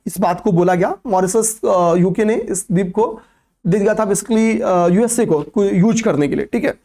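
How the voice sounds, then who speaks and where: A man's voice: high-pitched, moderate pace, warm tone. A man teaching an exam-prep class, who keeps repeating points, asks questions and answers them himself, and often says "okay, pay attention.". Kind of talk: classroom lecture on current affairs.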